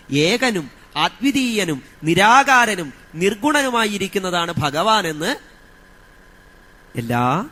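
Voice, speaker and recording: A man with a Malayalam accent giving a religious discourse on scripture, chanting verses slowly and asking his listeners rhetorical questions. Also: high-pitched, bright, forceful tone. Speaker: scripture teacher.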